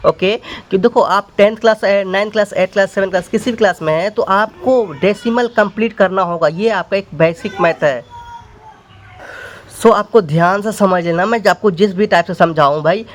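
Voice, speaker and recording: A man teaching a maths lesson step by step, repeating points and addressing students as brother. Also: sits high. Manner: repetitive, explains step by step.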